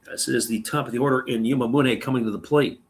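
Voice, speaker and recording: This play-by-play commentator calls a baseball game pitch by pitch, talking fast in a gravelly, slightly tired voice that is turning raspy from extended use. His manner is easygoing and conversational, and he breaks off at times to reply to comments from viewers in the chat.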